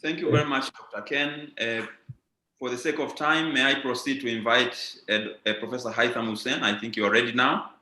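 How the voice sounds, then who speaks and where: A man's voice: medium pitch, steady tone, brisk, pushed and bright. A man chairing an online medical session, courteously inviting the next presenters with hesitant uhs. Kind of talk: formal chairing. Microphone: video call. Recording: echoey room on a call.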